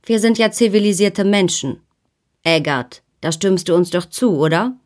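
A woman's voice: medium pitch, normal speed, darkish tone, pitched above the performer's own voice, close to an everyday voice. A woman voicing a scheming, domineering man who leads a village, in an audiobook reading, menacing and mocking. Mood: commanding. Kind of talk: audiobook character voice.

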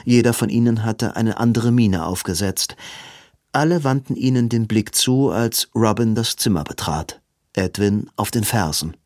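A man narrating a novel in an even, measured storytelling manner. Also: on the low side, no room sound, studio quality. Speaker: audiobook narrator. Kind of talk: scripted narration.

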